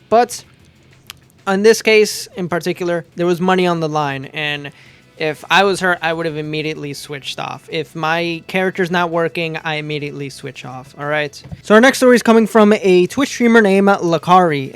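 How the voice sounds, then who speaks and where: A man's voice: a little high, moderate pace, smooth. A man hosting a casual online news commentary show, laid-back and sarcastic in tone.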